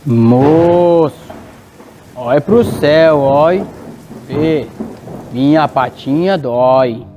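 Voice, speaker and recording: A woman's voice: muffled recording, background noise. A woman with a Brazilian accent voicing a solemn, grave talking ox in a storytelling performance. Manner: slow, low, drawn-out speech.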